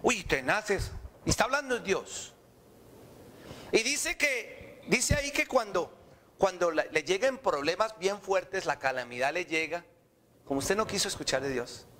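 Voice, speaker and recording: A man preaching a sermon in an animated way, acting out quotes in mocking voices. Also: high voice, a little slow, a little hiss or hum.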